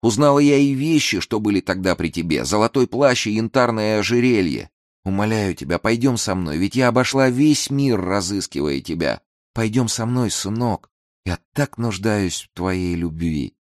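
A man's voice: on the low side, expressive, moderate pace, no room sound, studio quality, voice pushed up, lightly acted. A man voicing a ragged, grieving mother who pleads tearfully with her son in a storybook tale. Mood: pleading.

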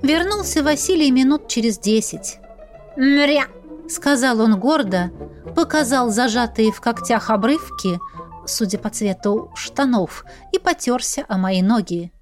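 A woman's voice: a little high, a little mellow. A woman reading a first-person audiobook with a wry, ironic manner. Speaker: audiobook narrator.

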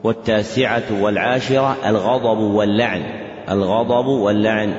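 A male Islamic scholar giving a dictated religious lesson in a large mosque, speaking in measured phrases and repeating each one twice, with scripture lines chanted slightly. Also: on the low side, steady tone. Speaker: Islamic scholar teaching a class. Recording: echoey, dull lo-fi hall recording.

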